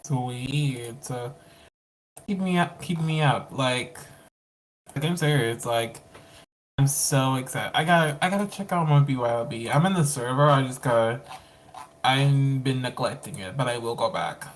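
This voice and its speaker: An interview host with a mid-range voice who talks in an excitable, loose way. The speech is scattered with "like" and "um" fillers. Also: medium pitch, unhurried, a little hiss or hum. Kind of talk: casual interview chat.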